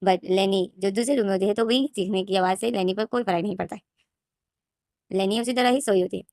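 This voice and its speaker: A woman telling her own fan story in a casual, run-on way, piling one clause onto the next. She talks quickly, and the sound is dry and close, with no room around it. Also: mid-range voice, a little mellow, dry recording. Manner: rapid and run-on, with many restarts. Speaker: fan-fiction narrator.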